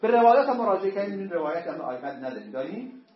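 Man, seminary teacher, lively high voice, dull lo-fi classroom recording. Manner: animated, emphatic, joking asides to students. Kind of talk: classroom lecture on Islamic jurisprudence.

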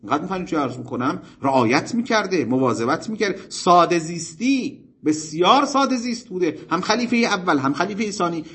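A man giving a religious lecture to seminary students, telling stories in a formal, animated way with polite asides to his listeners. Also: high voice, few pauses, breathy edge.

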